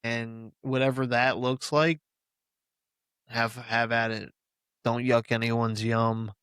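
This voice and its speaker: A man's voice: medium pitch, level tone, takes it slowly, fairly bright tone, clear, resonant tone, no echo, studio quality. A man co-hosting a podcast in casual chat, blunt and profane, laughing easily. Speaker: podcast co-host.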